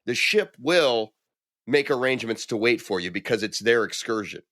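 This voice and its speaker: A man's voice: medium pitch, moderate pace, no echo, clean studio sound. A middle-aged man and podcast co-host, chatting casually and telling stories, acting out the quoted voices. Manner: animated storyteller, acts out quoted voices. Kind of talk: casual chat.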